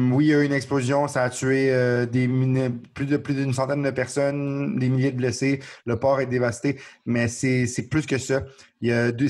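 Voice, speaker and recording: A man's voice: mid-range voice, darkish tone. A man with a Quebec French accent explaining the news in an earnest, casual discussion, often restarting his sentences. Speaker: podcast co-host. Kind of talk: casual current-affairs discussion.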